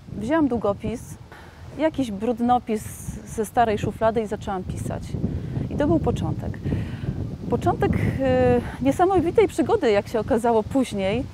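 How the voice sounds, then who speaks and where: A woman in her thirties talking reflectively about personal experience, in a halting, hesitant way. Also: a little high, noisy background. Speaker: debut poet and author. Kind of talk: personal reflective interview talk.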